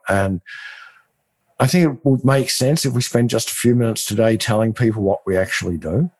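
A man's voice: medium pitch, a little mellow. Man explaining eagerly with restarts. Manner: enthusiastic, explaining, stammering restarts. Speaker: co-host. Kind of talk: casual business chat.

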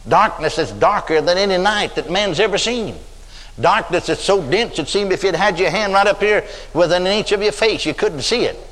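At a moderate pace, an older Texan-accented man preaches in a high, fairly bright voice. He tells his stories with drama, drawing out words for emphasis, all within the long reverb of a church hall.

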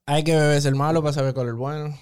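A man's voice: on the high side, fairly even intonation, rapid-fire, a little mellow, clear, resonant tone. A young man with a Dominican Spanish accent, chatting as a podcast guest and explaining things at length with many restarts. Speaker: podcast guest, hospitality professional. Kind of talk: casual interview talk.

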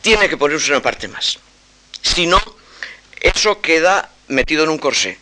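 Bright-voiced Spanish man lecturing. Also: fairly high pitch, expressive. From Spain. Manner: measured and thoughtful, hesitant fillers between phrases. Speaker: opera composer lecturing on his own work. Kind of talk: analytical lecture to an audience.

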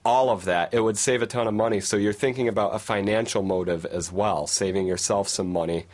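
A man's voice: fairly low pitch, fairly even intonation, brisk, darkish tone. Young man making confident points. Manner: confident, emphatic arguing. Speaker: studio guest panelist.

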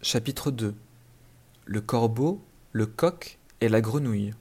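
Calm man reading a fairy tale. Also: medium pitch, slow pace, slightly rough. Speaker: narrator. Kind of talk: scripted storybook narration.

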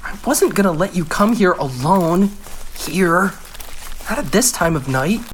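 A woman's voice: lowish voice, lively intonation, a little slow, background noise. A woman playing a reluctant, nervous young companion in an audio drama. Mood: uneasy reluctant.

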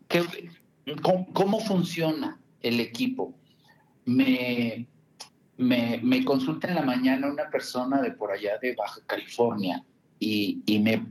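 A man's voice: mid-range voice, unhurried. A man, working as a family counselor and speaking as a guest on a radio talk show. He tells stories in a chatty way, with many asides and tag questions.

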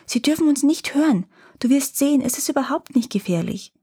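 A woman voicing a small, clever boy in a storybook reading, speaking high and bright. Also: animated, fairly quick. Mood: hushed. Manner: high and bright, squeaky when tricking the giant.

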